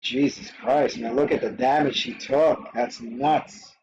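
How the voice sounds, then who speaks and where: A man hosting a live stream, reacting to a fight in short, excitable bursts and swearing freely. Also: mid-range voice, unhurried, muffled recording. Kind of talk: casual live watch-along commentary.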